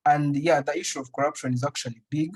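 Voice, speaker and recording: A young adult man from Uganda, a writer appearing as an interview guest, answers questions casually and thoughtfully. His husky voice sits on the high side, and he talks fast in a steady tone, often restarting and using fillers.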